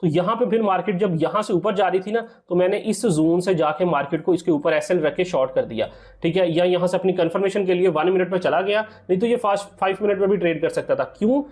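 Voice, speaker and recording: Over a screen recording, this man explains a trading strategy at a fast clip, his voice high and a touch mellow. He's a trading teacher who often says "theek hai" and calls his viewers "sir".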